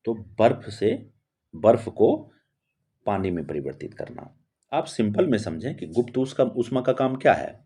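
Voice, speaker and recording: A man's voice: on the low side, sing-song, moderate pace, dark tone, husky. A man teaching chemistry in a lesson, repeating key terms word by word and answering his own rhetorical questions. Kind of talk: classroom-style lesson explanation.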